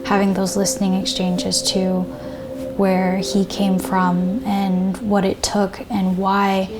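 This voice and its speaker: A woman's voice: mid-range voice, monotone, slow, noisy background. A young woman artist answering interview questions reflectively, with searching phrasing and frequent restarts. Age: young adult. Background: background music.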